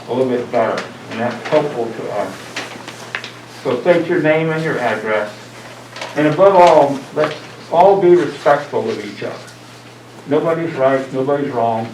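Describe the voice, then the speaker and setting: An American man speaking through a face mask as a commission chairman, deliberately and loud enough to be heard as he opens a formal meeting. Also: mid-range voice. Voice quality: slightly muffled by a face mask. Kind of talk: formal meeting opening remarks. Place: indoor public meeting room. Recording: distant mic, echoey room, clear noise.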